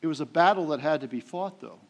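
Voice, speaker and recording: A middle-aged man preaching a sermon, telling a family story in a folksy way, with frequent fillers and swings between loud and soft. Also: fairly high pitch, fast talker.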